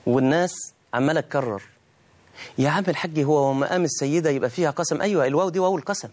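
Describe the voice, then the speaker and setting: A middle-aged Egyptian-accented man delivers a sermon in a fairly high-pitched voice. He is emphatic and drawn out, lifting his tone for scripture and answering his own imagined questions. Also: darkish tone. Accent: Egyptian Arabic. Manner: emphatic, slows and rises for scripture, plays both sides of a dialogue. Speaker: preacher.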